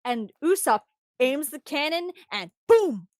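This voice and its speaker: High-pitched woman streamer chatting, lots of restarts, dry close sound. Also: slow pace, dry recording. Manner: animated, rambling, frequent restarts. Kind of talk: casual storytelling recap.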